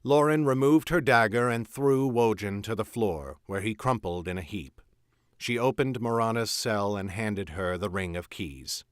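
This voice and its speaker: A man reading his own fantasy novel aloud in an expressive storytelling manner. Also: lowish voice, unhurried, clear, resonant tone, no room sound, clean studio sound.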